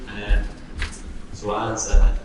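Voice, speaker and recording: A man's voice: lowish voice, completely flat delivery, drawn-out words. A man with a Northeast English accent representing a university, speaking casually and hesitantly at a live event. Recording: echoey hall from far off with background noise.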